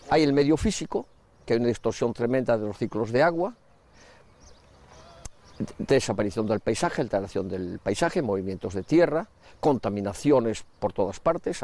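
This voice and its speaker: Male expert interviewee, mellow dark timbre, medium pitch, spoken answers. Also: expressive, moderate pace. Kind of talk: interview talk.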